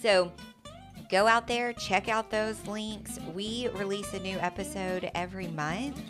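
A woman's voice: medium pitch, a little slow, over music. A woman co-hosting a casual podcast, upbeat and promotional. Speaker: podcast co-host. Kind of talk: casual chat.

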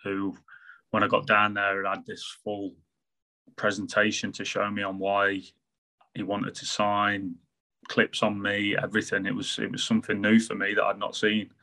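A former footballer with an English Midlands accent, talking in a casual podcast interview with halting, restarting sentences. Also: male voice, on the low side, completely flat delivery, pushed and bright, low-quality recording. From England. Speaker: football manager and former player.

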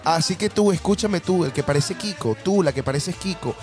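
A man's voice: a little high, animated, normal speed, darkish tone, soft background music. A man with a Venezuelan accent co-hosting a podcast, playful and full of exclamations as he hypes the listeners. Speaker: podcast co-host. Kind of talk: casual comedic chat.

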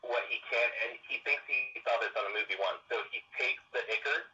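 A man playing a tabletop roleplaying game over a call, his voice thin and tinny like a walkie-talkie with no bass, halting and restarting as he thinks aloud. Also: pushed and bright. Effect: thin, tinny walkie-talkie-like sound with no bass. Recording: faint lo-fi mic far from the speaker.

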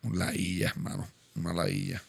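A man's voice: low voice, little pitch movement, fast talker, creaky, slight background noise. A man with a Puerto Rican accent in loose, joking podcast chat, boisterous and swearing freely.

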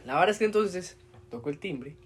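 A man's voice: sits high, expressive, fairly quick. A Costa Rican man telling a story among friends in a casual, slangy, laughing manner. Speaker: podcast co-host. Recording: noisy crowd behind. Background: crowd chatter.

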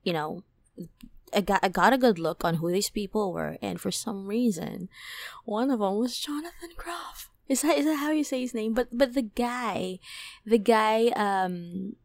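A woman hosting a podcast, telling a dream story in a casual, animated way, packed with "like" and "right?", her voice climbing high when excited. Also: a little slow, no room sound, clean studio sound. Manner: animated, many fillers like "like" and "right?". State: toothache, on medication. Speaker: podcast host.

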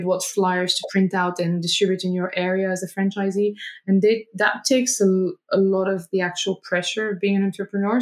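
Woman, lower voice. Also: low-quality recording. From Bulgaria. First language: Bulgarian. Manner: fluent and explanatory, with frequent ums and restarts. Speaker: guest, marketing agency director. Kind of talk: conversational interview answers.

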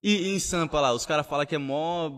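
A man co-hosting a casual podcast, asking questions in relaxed slangy speech. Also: a little high, fairly quick. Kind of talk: casual chat.

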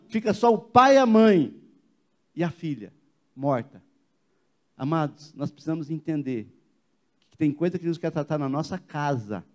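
A man's voice: high-pitched, a little mellow. A male pastor with a Brazilian Portuguese accent preaching a church sermon, emphatic and full of rhetorical questions to the congregation. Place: church service.

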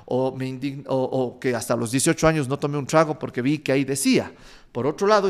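A man, telling life stories in a frank, animated way and swearing casually. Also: mid-range voice. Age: 30s. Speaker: vlogger sharing life lessons. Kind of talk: casual storytelling monologue.

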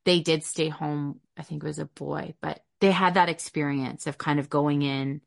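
A woman's voice: low-pitched, fairly even intonation, moderate pace, creaky. A woman hosting an interview, affirming her guest and talking in loose, run-on phrases. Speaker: host, birth companion. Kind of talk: casual interview conversation.

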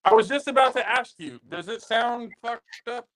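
A man's voice: very high-pitched, moderate pace, fairly bright tone, slight background noise. A man co-hosting a casual sports chat, his voice coming through robotic and metallic from a glitching mic. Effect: robotic, metallic glitching mic audio.

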